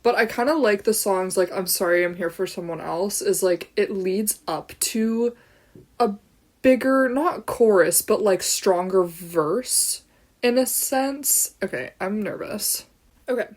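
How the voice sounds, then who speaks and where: A woman's voice: mid-range voice, unhurried, darkish tone. Bubbly rambling young woman podcaster. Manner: drifts off on tangents and giggles. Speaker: podcast host. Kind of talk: casual solo podcast chat. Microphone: own camera.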